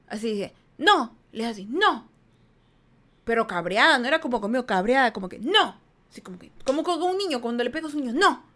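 High-voiced woman from Guayaquil. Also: racing, few pauses. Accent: Guayaquil Ecuadorian Spanish. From Ecuador. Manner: animated, acts out her own shouts. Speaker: podcast host. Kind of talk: storytelling podcast.

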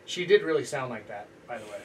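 A man's voice: mid-range voice, animated, quick pace, distant mic, noisy background. A man hosting a podcast, chatting casually about sports in a rambling way with frequent restarts and laughter. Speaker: podcast host.

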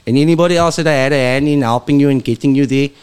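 A man's voice: mid-range voice, very fast, a little mellow, clean tone. A man in his early forties with a South African accent, a chef talking in a radio interview, fired-up and preachy, dropping "bruh" often. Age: 40s.

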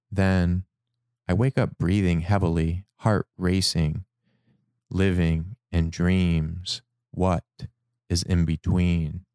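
A man reads from his personal dream journal in a slow, measured, reflective way. His voice sits very low and sounds clean and resonant. The recording is dry and close, with no room sound. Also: darkish tone, dry recording. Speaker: narrator.

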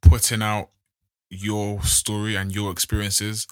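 A man's voice: on the low side, monotone, takes it slowly, clean tone, no room sound. A man hosting a podcast, talking casually and reflectively in a rambling, supportive, colloquial way. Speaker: podcast host.

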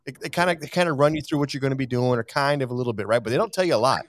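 A man's voice: mid-range voice, very fast, no room sound. A man co-hosting a casual podcast, agreeing often and repeating himself for emphasis. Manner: affirming interjections, emphatic repetition. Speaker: podcast co-host.

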